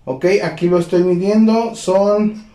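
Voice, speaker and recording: A man hosting a home cooking demonstration, talking in a relaxed way with lots of fillers as he addresses viewers as friends. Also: high-pitched, a little slow. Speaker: cooking channel host. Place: home kitchen. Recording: echoey kitchen with faint noise.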